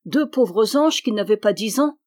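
A woman reading the lines of a haughty, quick-tempered noble widow in a storybook reading, imperious and impatient. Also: on the high side, animated, darkish tone, close to an everyday voice. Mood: startled.

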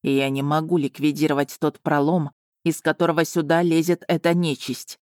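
A proud male dragon, as a woman reader puts him on, deep for her register and slow, measuring out each clipped word with cold authority. The recording is dry, close and bare of room sound, as in a storybook audiobook. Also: level tone, darkish tone, no room sound, natural voice. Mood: weary. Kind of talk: audiobook narration.

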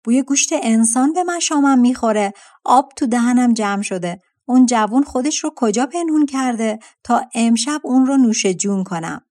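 A woman voicing a giant male vulture in a fairy-tale audiobook, loud and fierce in his demands. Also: fairly high pitch, expressive, pitched above the performer's own voice, natural voice. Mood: menacing.

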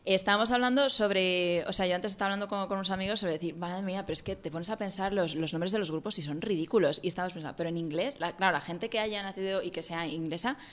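A woman's voice: fairly low pitch, fast, few pauses. A woman from hosts a casual quiz, reading out playful translations and drifting into anecdotes. Her talk is easygoing and conversational. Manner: reads out literal translated names, tells anecdotes. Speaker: host.

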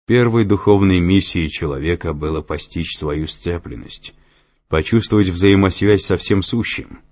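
A man playing a calm, learned brother. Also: sits low, unhurried. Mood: assured. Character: learned older brother, calm and assured lecturer.

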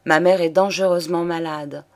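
A woman's voice: fairly low pitch, steady tone, moderate pace, darkish tone, natural voice. Noël, a secretive young lawyer, read by a woman. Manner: evasive and firm. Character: secretive, uneasy male lawyer, young lover.

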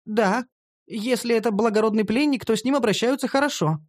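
A man's voice: sits high, a little fast, no echo, clean studio sound, voice pushed up, lightly acted. A man voicing a haughty young noble elf woman who has been enslaved, prim and formal in an audiobook. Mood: indignant.

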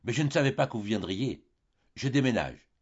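A man reading aloud, voicing a heartbroken old father who pleads with his daughters in anguished outbursts, in a husky tone. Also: medium pitch, animated, fairly quick, highs cut off. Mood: pleading.

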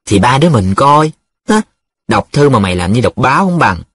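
A man voicing a cocky, teasing young male student who jokes in a sing-song way, with a husky voice. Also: mid-range voice, very animated, normal speed, fairly bright tone, dry recording.

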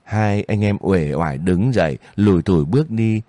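A male narrator reads a novel aloud in a steady, even storytelling manner. His voice sits low and mellow, recorded dry and close. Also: moderate pace, no room sound. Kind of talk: audiobook narration.

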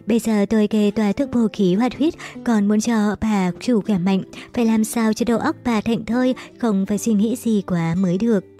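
A woman's voice: mid-range voice, moderate pace, hardly any pauses, dark tone, soft background music, natural voice. Woman reading as a grave old village physician. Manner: grave, careful. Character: cautious older male village physician.

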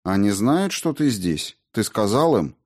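A man reading an audiobook, voicing a composed tsaritsa who speaks in a measured, sorrowful way. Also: on the low side, very animated, darkish tone. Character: grave, composed fairy-tale tsaritsa.

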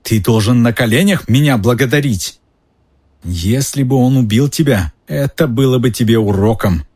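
A man with a husky voice reading aloud and voicing a cold, venomous male schoolmaster who hisses and sneers. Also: mid-range voice, normal speed, pitched above the performer's own voice, natural voice. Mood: shouting rage. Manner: hissing, sneering, bursts into shouting.

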